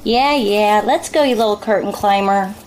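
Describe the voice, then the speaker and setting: A woman's voice: medium pitch, normal speed, a little hiss or hum, lightly acted. A woman voicing a bratty, squeamish teenage girl in a cartoon, with a valley-girl way of talking. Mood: whiny.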